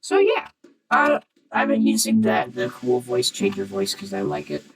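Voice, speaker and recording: A woman streamer using a deep voice changer, casually and playfully narrating her gameplay. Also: wildly swooping pitch, normal speed, creaky, breathy edge, recorded from a distance, poor audio. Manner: playful, self-narrating, jokey.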